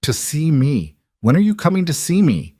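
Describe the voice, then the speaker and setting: A man's voice: on the high side, huge pitch swings, normal speed, dark tone, no echo, studio quality, voice pushed up. A man voicing a blunt, plain-spoken middle-aged mother talking on the phone, her voice raised above his own. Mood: pleading.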